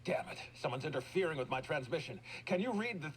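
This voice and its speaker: Man playing an imperious businessman, animated delivery. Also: on the high side, quick pace, a little hiss or hum, lightly acted. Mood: alarmed, urgent. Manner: commanding, formal, exasperated. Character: imperious, indignant businessman hiring an investigator.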